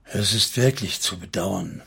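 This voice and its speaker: Guy reading grumbly old tribe elder, gravelly husky voice, kinda weary. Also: mid-range voice, normal speed. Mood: grumbling. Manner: murmuring, grumbling.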